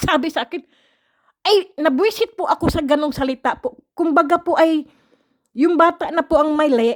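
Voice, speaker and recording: A woman's voice: high-pitched, a little mellow. Chatty older woman with a raised voice. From Philippines, raised partly in Mindanao. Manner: chatty, polite, frank, laughs often. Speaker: vlogger. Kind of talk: casual storytelling to viewers.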